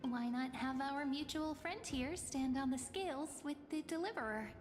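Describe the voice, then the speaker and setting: An actress playing a sweet, playful young woman in an anime-style game, teasing and gentle with theatrical delivery. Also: high-pitched, normal speed, natural voice. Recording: long reverb, music over voice.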